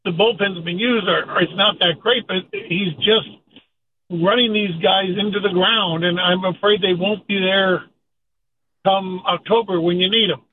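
A man's voice: sits high, steady tone, a little slow, slight background noise. A man calling in to a radio talk show over a phone line, talking casually and stumbling over repeated words as he starts his sentences. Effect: phone line call-in audio. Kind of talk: casual call-in sports talk.

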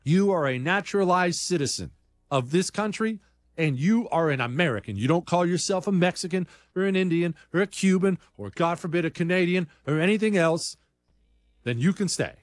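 A man's voice: high voice, expressive, normal speed, dry recording, clean studio sound. A man hosting a talk show, delivering a blunt, combative monologue full of rambling asides. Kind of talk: opinionated radio-style monologue.

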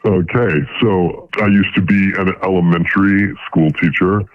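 A man in his fifties calling in through a voice changer that shifts his voice deep, telling a story in a hesitant, casual way. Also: steady tone, normal speed, dry recording. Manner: hesitant, filler-laden telling. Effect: voice changer shifting the pitch deep. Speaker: caller. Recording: tinny phone line.

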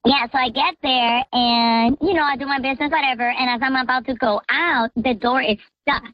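A woman's voice: high-pitched, steady tone, a little fast, lo-fi sound. An anonymous woman caller telling a confession through a voice changer, chatty and rambling. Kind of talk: casual confessional storytelling.

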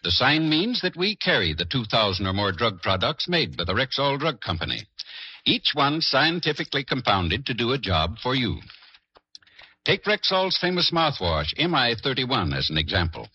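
A man reading a scripted commercial in a measured, formal way, heard as an old 1950 radio broadcast. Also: mid-range voice, very animated, pushed and bright, husky, no room sound. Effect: old 1950 radio broadcast sound. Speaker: radio announcer. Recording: lo-fi archival radio recording.

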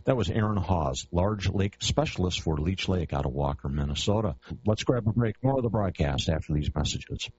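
A man's voice: deep voice, lively intonation, moderate pace, few pauses, darkish tone, husky. A man hosting a radio interview, asking plain, friendly questions, heard as a recording taped off the radio. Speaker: radio outdoors show host. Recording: dull lo-fi radio tape with faint hiss.

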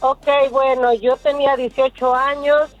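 A woman's voice: high voice, flat delivery, measured pace, no echo. A woman from Mexico calling into a radio show, answering simply. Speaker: caller. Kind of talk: phone call to a radio show. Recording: tinny phone line with faint music.

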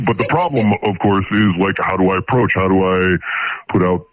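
A man's voice: low voice, brisk. A middle-aged man calling in anonymously, his voice disguised by a voice changer. He breathes heavily and tells his story hesitantly. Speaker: anonymous caller confessing a secret. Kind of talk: casual storytelling. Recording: dry tinny phone line.

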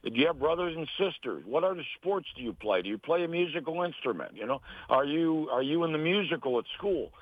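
Over a tinny phone connection, this American sports announcer and broadcasting teacher, middle-aged or older, talks briskly with few pauses and lively intonation in a fairly high voice. As an interview guest he is earnest and emphatic, repeating phrases to drive points home, with no room sound.

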